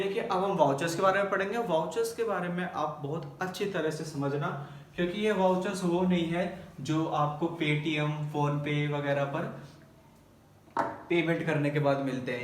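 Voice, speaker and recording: A man's voice: fairly high pitch, distant mic, a little hiss or hum. A male teacher explaining accounting terms in a lesson at a board, often putting a question to the class and answering it himself. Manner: asks and answers his own questions; mixes English terms into Hindi. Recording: echoey room, voice from off mic.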